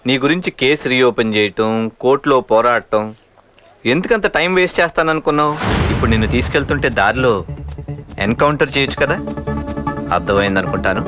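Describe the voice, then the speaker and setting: A cold, quietly menacing man in authority speaks quickly over a heavy film score, as a man acts him out. His level, mid-pitched voice carries the threat without shouting. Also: expressive, over music, natural voice. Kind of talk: film acting. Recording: loud film score behind.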